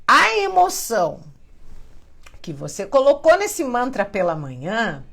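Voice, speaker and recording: A woman with a Brazilian Portuguese accent, hosting a live stream and teaching in a chatty, animated way, often acting out quoted voices. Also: a little high, unhurried, vocal fry. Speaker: spiritual live-stream host. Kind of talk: casual teaching to a live audience.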